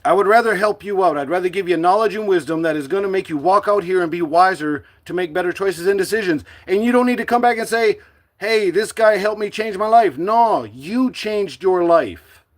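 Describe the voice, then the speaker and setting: A middle-aged man from the United States speaking to his livestream viewers in a forceful, defiant, preachy monologue. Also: high-pitched, a little fast. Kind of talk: impassioned live-stream monologue.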